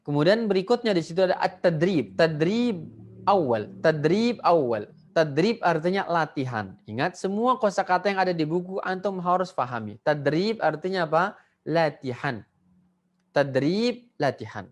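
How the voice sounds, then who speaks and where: A man's voice: a little high, animated, normal speed. A male Arabic teacher giving a beginner language lesson, patiently repeating each word so learners can echo it.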